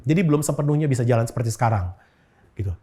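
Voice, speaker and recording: A man's voice: mid-range voice, very fast, mellow, slightly rough. A man, a guest in an interview, telling a personal story in casual chat, with frequent filler words. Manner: storytelling with frequent 'gitu' fillers and acted-out quotes.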